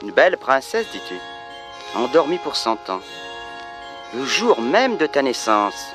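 An actor playing a gallant young prince in a storybook recording, speaking in a courtly, declamatory way. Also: male voice, mid-range voice, very animated, a little slow. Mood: commanding. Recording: music playing behind. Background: background music.

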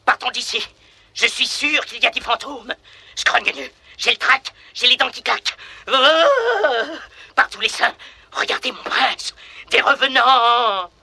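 An actor playing a timid, fussy manservant in a storybook recording, talking in a comic, stammering way. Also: male voice, very high-pitched, normal speed, gravelly, hardly any pauses, sharp tone, heavily acted. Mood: frightened. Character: timid, jittery young male manservant.

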